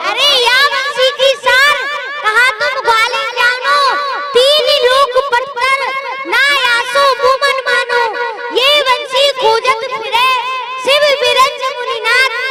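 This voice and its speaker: Brief: female actor for a youthful flute-seeking cowherd god, very high and bright, open-air stage with heavy crowd din. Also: steady tone, slow. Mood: chanting verse. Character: young cowherd god searching for his lost flute. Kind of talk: live folk devotional theatre. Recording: loud outdoor crowd and noise.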